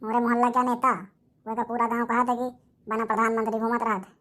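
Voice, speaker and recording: A woman's voice: on the high side, level tone, quick pace, a bit bright, close to an everyday voice. A woman playing a cheeky village schoolboy who talks back to his teacher, in with a tinge. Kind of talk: skit comedy acting.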